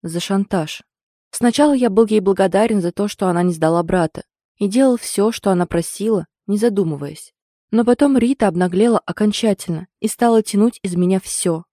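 Firm, commanding man, as a woman voices him; dark, mellow tone, dry recording. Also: mid-range voice, a little fast, no echo, natural voice. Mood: bitter. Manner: firm, barking orders. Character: stern commanding man, protective older brother.

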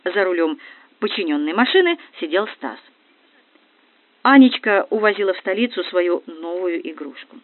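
An audiobook reader narrating a comic novel in first person with brisk irony. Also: mid-range voice, expressive, no room sound. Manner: brisk ironic storytelling. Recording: dry, tinny phone-like audio.

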